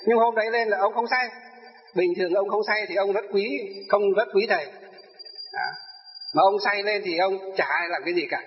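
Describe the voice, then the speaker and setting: High-voiced man, emphatic testimony. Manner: emphatic storyteller, repeats key phrases. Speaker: spiritual master telling his life story. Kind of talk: personal testimony to an audience. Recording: long reverb, dull lo-fi sound.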